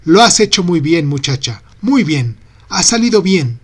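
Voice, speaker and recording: A gruff young sailor barking commands in a high, strained voice, words crackling with rough impatience, as a husky-voiced man acts him out. He calls from the deck of a storybook boat, curt and forceful. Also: big pitch swings, unhurried. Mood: relieved, explaining. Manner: shouts orders, curses.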